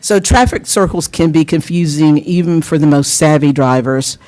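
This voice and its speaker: A woman's voice: low voice, fairly even intonation, dark tone. Earnest older woman at a podium. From Lenoir, North Carolina. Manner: earnest, measured, with a little wry humor. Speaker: public hearing speaker. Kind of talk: prepared public comment. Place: city council chambers.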